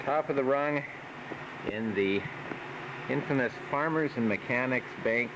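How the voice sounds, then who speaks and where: A man giving casual, halting commentary on an exploration video, recorded with a cave echo in an underground tunnel. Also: mid-range voice. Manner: halting, trailing off mid-sentence. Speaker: expedition narrator filming the trip. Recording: echoey underground tunnel, clear background noise.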